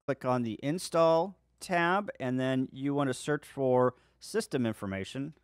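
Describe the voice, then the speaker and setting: A man hosting his own channel, talking viewers step by step through a software setup in a relaxed, casual way. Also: mid-range voice, a little slow, clean tone, no echo, studio quality. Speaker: ham radio video host. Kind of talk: screen-share software tutorial.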